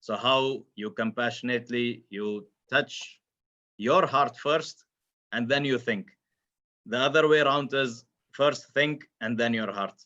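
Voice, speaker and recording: A man speaking as a panelist in a live discussion, halting, with many pauses and restarts. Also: mid-range voice, bright, forceful tone, dull audio.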